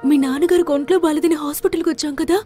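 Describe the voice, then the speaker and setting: Film dub: actress as emotional young mother, high-pitched, score underneath. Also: steady tone, very fast, warm tone, soft background music, lightly acted. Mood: tearful. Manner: emotional, earnest. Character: devoted young mother haunted by loss. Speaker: daughter and wife in a film. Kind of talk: dubbed film dialogue. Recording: film score playing behind her.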